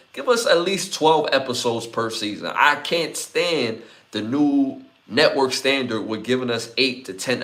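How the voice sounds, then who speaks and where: During his solo podcast commentary, a man in his forties addresses the live chat directly, making emphatic appeals again and again. His voice sits at a medium pitch with a fairly bright tone.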